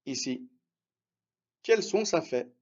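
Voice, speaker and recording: A man teaching Arabic reading in a live online lesson, encouraging his students and drilling syllables slowly with much repetition. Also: medium pitch, lively intonation, darkish tone, lo-fi sound.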